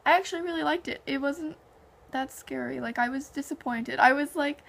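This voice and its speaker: High-voiced young woman chatting casually. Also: fairly quick, gravelly. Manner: animated anecdotes with heavy filler "like" and quoted dialogue. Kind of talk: casual chat.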